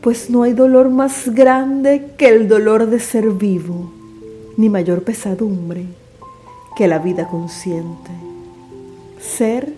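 A woman declaiming poetry in a grand, dramatic, solemn way, with emphatic, drawn-out words. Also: a little high, warm tone. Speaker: poetry podcast host. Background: background music.

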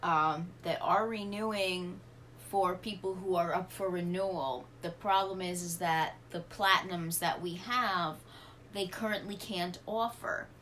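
A woman's voice: lowish voice, steady tone, measured pace, fairly bright tone, slight background noise. A woman co-hosting a podcast who corrects and explains things to her co-host in casual chat.

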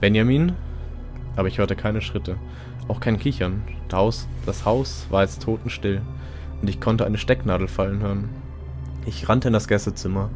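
Low, flat-voiced man narrating horror. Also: normal speed, faint music behind. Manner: even, low-key first-person storytelling with small restarts. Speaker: podcast host reading a horror story.

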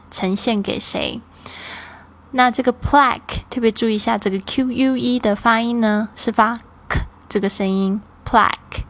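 A woman's voice: medium pitch, creaky. Cheerful Taiwanese woman teaching English. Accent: Taiwanese Mandarin. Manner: cheerful, explanatory, slows down for examples. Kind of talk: online language lesson.

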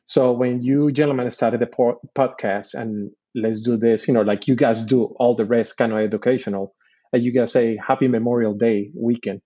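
His warm, steady, medium-pitched voice moves at a moderate pace through a dull recording. A Puerto Rican man in his forties and an Army veteran, he's a podcast guest who explains things earnestly and patiently, often saying "you know" in casual talk.

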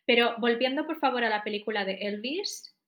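A woman with a Spain Spanish accent chats on a podcast. She is opinionated and keeps a loose conversational flow, tossing in tag questions and trailing off mid-thought. Her voice sits a bit above average pitch. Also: fairly quick, a bit bright. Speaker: podcast co-host. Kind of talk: casual chat.

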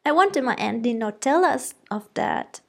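A woman's voice: a little high, expressive, normal speed, creaky, pitched above the performer's own voice. A woman voicing a giddy, flighty teenage girl chattering eagerly in a storybook reading.

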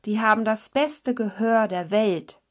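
A woman's voice: mid-range voice, a little slow, pitched above the performer's own voice, natural voice. A woman voicing an earnest female seal who explains things carefully.

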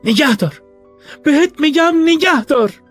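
A man voicing a desperate, hunted man who begs and shouts in panic, in a storybook reading. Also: very high voice, lively intonation, faint music behind, voice pushed up. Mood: shouting. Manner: frantic begging, shouting.

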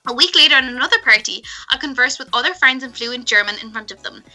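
Bright high-voiced blunt woman. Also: lively intonation, fast talker, soft background music. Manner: blunt, swears casually. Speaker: co-host reading stories. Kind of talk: casual chat, reading aloud.

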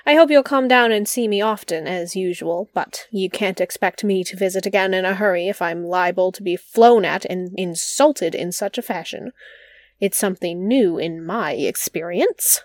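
A woman's voice: medium pitch, normal speed, no room sound, close to an everyday voice. Woman doing nosy old neighbor lady, blunt and judgy, dry close mic. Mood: huffy. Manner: blunt, judgmental, huffy.

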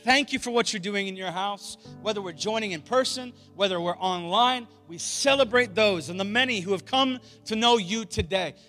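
A man's voice: sits high, normal speed, few pauses, bright, forceful tone, big-room sound. A man preaching and praying as a pastor in a fervent rally-speech style, declaiming in short repeated phrases. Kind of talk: evangelical church preaching and prayer. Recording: music playing under the voice. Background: instrumental music.

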